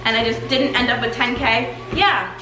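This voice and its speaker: Higher-voiced woman chatting while walking, echoey room. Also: normal speed, pushed and bright. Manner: talking while walking in place for exercise. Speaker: weight loss coach and host. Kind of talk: motivational chat to followers. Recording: echoey room with music underneath. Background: music.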